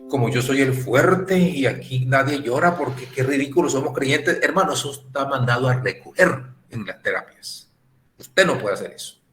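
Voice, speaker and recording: A man teaching a ministry course, lecturing with many rhetorical questions and acting out what people say. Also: mid-range voice. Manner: animated, rhetorical questions, acts out quoted remarks. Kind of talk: classroom lecture.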